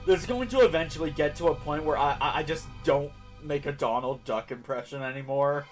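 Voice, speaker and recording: A man's voice: a little high, fairly quick, faint music behind. A man giving casual live let's play commentary as a game streamer, chatting as he goes.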